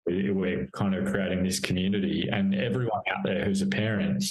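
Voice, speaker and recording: A man's voice: low-pitched, fairly even intonation, brisk, echoey room, rough recording. A man, a paediatrician guest talking enthusiastically in a casual interview. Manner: enthusiastic, chatty, fillers and restarts.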